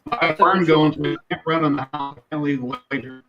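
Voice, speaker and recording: A man's voice comes through a wobbly, warbling video call connection that turns it choppy and robotic. The sound is dull and lo-fi, with guitar music clearly audible behind him. He talks from a garage in halting, puzzled bursts, his pitch sitting a little high. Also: fairly even intonation. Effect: choppy, warbling, robotic-sounding video call audio.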